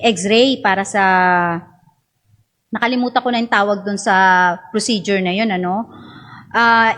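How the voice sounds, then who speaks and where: Middle-aged Filipina with a high voice, casual testimony style, laughs and acts out quotes. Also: female voice. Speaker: speaker sharing a personal story. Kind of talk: casual storytelling to a congregation.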